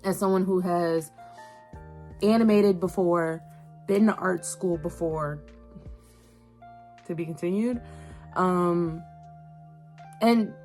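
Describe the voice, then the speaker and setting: With background music playing, a young adult woman gives a casual YouTube review of an animated series, slangy and animated and often repeating phrases for emphasis. Her voice is lowish, and she speaks slowly with frequent pauses.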